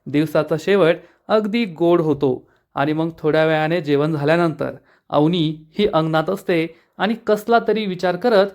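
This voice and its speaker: A man narrating an episode recap, telling the story steadily and quoting each character's lines in turn. His voice sits somewhat high for a man. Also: normal speed, darkish tone.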